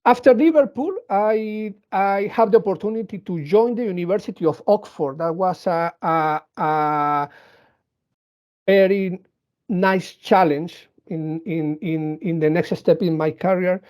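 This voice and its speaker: The man's voice is high and darkish, and he talks a bit slowly. Native to Spanish, with a Latin American accent from Venezuela and Colombia, he's a robotics engineer teaching school pupils, and his speech is hesitant, packed with fillers and restarts.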